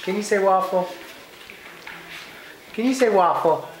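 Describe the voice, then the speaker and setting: A woman at home playfully coaxing a toddler to say words, in a recording with an echoey kitchen and loud background noise. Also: medium pitch, animated, a little slow. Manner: coaxing, playful baby talk. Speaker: parent talking to a toddler. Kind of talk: home video chat with a toddler.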